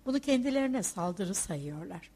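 A woman voicing an indignant, touchy provincial lady who complains in a shrill, huffy way in a storybook reading. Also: expressive, normal speed, warm tone, slightly rough.

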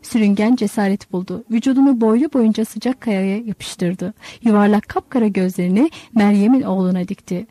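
Woman narrator, measured storytelling, mellow tone, dry close recording. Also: mid-range voice, dry recording. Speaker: audiobook narrator. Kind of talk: scripted literary narration.

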